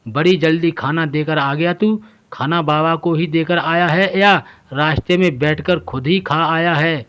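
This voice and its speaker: A man's voice: fairly high pitch, fairly even intonation, measured pace, a bit bright, clear, resonant tone. A man voicing a harsh, scornful middle-aged stepmother in a storybook tale, scolding and sneering. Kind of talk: storybook voice acting.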